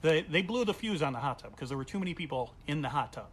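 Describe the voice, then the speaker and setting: Animated male comedian telling a funny story. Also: on the high side, quick pace, slightly rough. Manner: animated, acts out quoted voices. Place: at home during quarantine.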